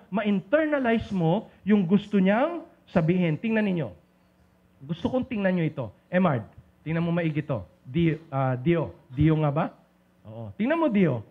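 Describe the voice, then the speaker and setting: Man, very high voice, seminar speaker, teasing, calls on listeners, dull lo-fi recording. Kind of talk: lecture on communication to a live group.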